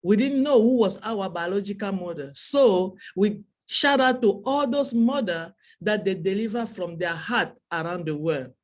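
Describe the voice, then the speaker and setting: A webinar speaker from Cameroon, a woman whose first language is French, gives a heartfelt talk to an online audience in a Cameroonian French accent, repeating phrases for emphasis. Her voice is medium in pitch, and she speaks at a measured pace with few pauses.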